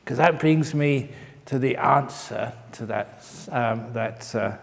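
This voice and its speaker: A man's voice: mid-range voice, takes it slowly, vocal fry. A middle-aged man gives a dharma talk and tells stories with relish. His voice sits in the middle range, and a long reverb from the meditation hall trails behind his words. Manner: storytelling, breaks into laughter. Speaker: meditation teacher monk.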